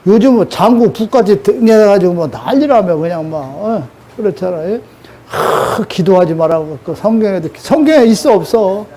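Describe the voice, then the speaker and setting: A man's voice: high voice, animated, moderate pace, mellow, a little hiss or hum. An older man preaching a sermon in a scolding way, throwing rhetorical questions at his audience.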